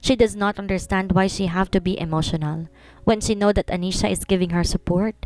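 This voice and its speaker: A woman reading a serialized romance story aloud, in a steady narrating manner. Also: medium pitch, brisk, no room sound. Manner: steady, mixing two languages.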